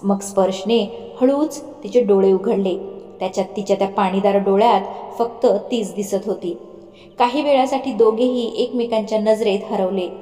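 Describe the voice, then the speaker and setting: A woman narrating a romance audiobook in a steady, expressive reading voice. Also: mid-range voice. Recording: roomy reverb, faint music.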